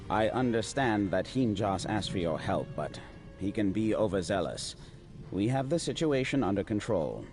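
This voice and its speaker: An actor voicing a stern, distrustful lizard-folk guard in formal, accusing fantasy game dialogue. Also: male voice, low voice, a little mellow. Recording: music playing behind.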